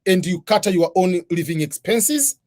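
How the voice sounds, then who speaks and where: A man's voice: high voice, lively intonation, moderate pace, a little mellow. A middle-aged man from Tanzania, a guest in an interview, explaining methodically in numbered points. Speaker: guest, scholarship advisor.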